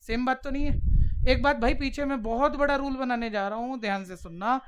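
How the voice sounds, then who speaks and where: A man teaching maths to a class, coaxing the pupils along with quick direct questions. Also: very high-pitched, smooth. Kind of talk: classroom lecture.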